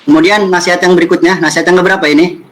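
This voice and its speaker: A man teaching a children's religious lesson, telling stories lively and acting out friends' lines. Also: sits high, a little hiss or hum, rough recording. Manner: lively storytelling, acts out friends' lines, recites Quran verses slowly.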